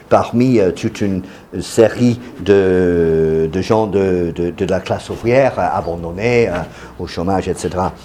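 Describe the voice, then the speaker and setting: A man's voice: deep voice, darkish tone, a little hiss or hum. Guy lecturing on punk, lots of ums and restarts, stop-start delivery. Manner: hesitant, many fillers and restarts. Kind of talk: explanatory talk.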